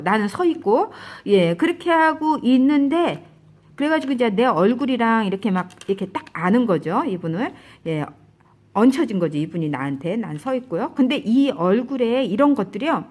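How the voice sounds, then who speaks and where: A woman casually recounting a dream as a testimony, describing it with lively gestures and frequent exclamations. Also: a little high.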